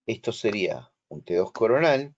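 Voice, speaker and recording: Male instructor, Rioplatense Spanish accent, slow and explanatory, lower voice, muffled video-call audio. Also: sing-song. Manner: slow, explanatory, checks understanding. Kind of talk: online lecture.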